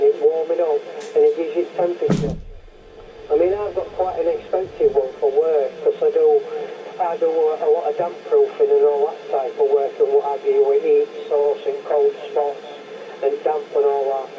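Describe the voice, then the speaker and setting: An older radio hobbyist with a Northern English accent chats casually over CB radio, emphatic and rambling and often repeating himself. His voice is a little high, with little pitch movement at a moderate pace. The transmission is muffled and heavily noisy.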